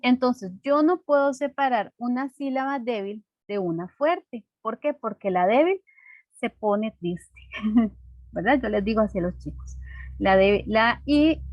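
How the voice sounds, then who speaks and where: A woman's voice: a little high, lively intonation, unhurried, no room sound, lo-fi sound. A woman teacher explaining a lesson patiently and simply, checking in with her class through frequent rhetorical questions.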